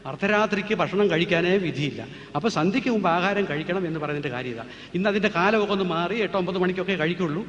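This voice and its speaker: A man's voice: fairly high pitch, fairly bright tone. A man giving a public talk on natural healing, lecturing with emphatic rhetorical questions while answering audience questions. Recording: echoey hall, dull lo-fi with faint noise.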